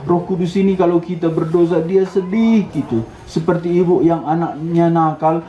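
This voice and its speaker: A man's voice: on the high side, normal speed, warm tone, slight background noise. A male preacher giving a camp sermon, telling stories and acting out short dialogues with lots of animation. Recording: roomy, slightly dull hall recording.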